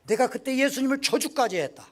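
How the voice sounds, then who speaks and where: A male pastor preaching a sermon, acting out the quoted dialogue and swinging between loud exclamations and near-whispers. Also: very high-pitched, a little fast. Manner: dramatic, acts out quoted dialogue with big swings in volume. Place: church sanctuary.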